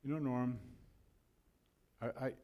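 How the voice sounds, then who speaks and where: A man's voice: medium pitch, steady tone, slow pace, clean tone, muffled recording. A man co-hosting a forum, giving closing remarks with a rambling, storytelling manner full of restarts. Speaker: forum co-host.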